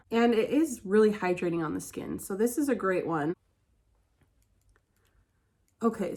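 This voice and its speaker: Chatting candidly through a get-ready-with-me vlog, this Utah beauty vlogger says "like" a lot. She has a mid-range, slightly mellow voice that is stuffy and congested from a head cold.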